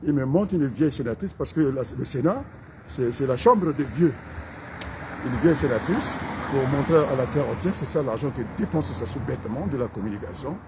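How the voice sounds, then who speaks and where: A man's voice: medium pitch, expressive, normal speed. Brief: middle-aged man, combative political rant, medium voice, outdoor street take, faint traffic hum. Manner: fiery, combative, mocking, with sudden loud outbursts. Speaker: political activist. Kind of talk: impassioned political rant to camera. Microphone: camera held by a companion.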